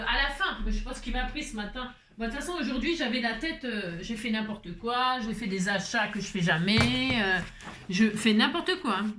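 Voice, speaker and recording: A woman whose voice sits high and sharp, with a little hiss or hum, makes a card at home. She's a slightly tired French papercraft vlogger, and her chatty tutorial rambles with fillers, restarts and small laughs.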